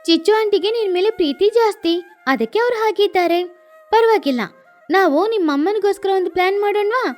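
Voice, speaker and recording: Cartoon girl bird, caring and upbeat, very high, squeaky, woman voices her. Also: expressive, brisk, soft background music. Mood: eager, encouraging. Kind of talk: cartoon voice acting.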